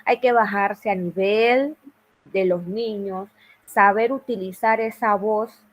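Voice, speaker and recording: Panamanian teacher with a loud firm voice. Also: female voice, mid-range voice, fairly even intonation, slow pace, muffled recording. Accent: Panamanian Spanish. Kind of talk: sharing experience in a workshop.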